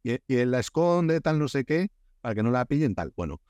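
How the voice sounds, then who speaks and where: A man's voice: medium pitch, fairly quick, clear, resonant tone, no room sound. A man from Spain with a Spanish accent, a guest in a casual podcast interview, telling stories with lots of fillers and restarts. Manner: animated storyteller, many restarts and fillers. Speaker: guest, Korea expert.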